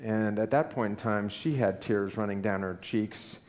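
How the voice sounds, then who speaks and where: A man giving a sermon, telling a story in an earnest, unhurried way. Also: fairly low pitch, a little mellow, big-room sound. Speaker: preacher.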